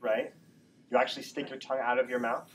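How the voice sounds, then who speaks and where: In this classroom phonics lesson built on slow drilling, a man teaches English pronunciation, repeating sounds and checking in with short tag questions. His mid-range voice is level and fairly bright, and he talks fast. The recording picks up echo, background noise, and a far-off mic.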